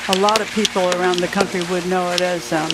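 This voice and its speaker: A woman's voice: fairly low pitch, level tone, quick pace, very noisy. A woman giving conversational golf commentary as an analyst.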